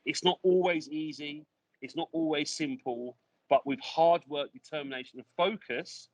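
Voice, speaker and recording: A man's voice: fairly high pitch, normal speed, no room sound, poor audio. A man hosting a panel on a video call, speaking in an emphatic, motivational way and often repeating himself for effect. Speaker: host. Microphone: video call mic.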